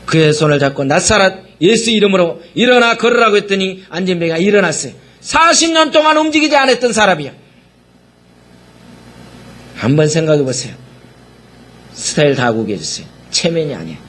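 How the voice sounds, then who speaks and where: A man's voice: on the high side, wildly swooping pitch, a little fast, pauses often, fairly bright tone. A male pastor preaching a sermon, firing rhetorical questions at the congregation and mockingly acting out quoted voices.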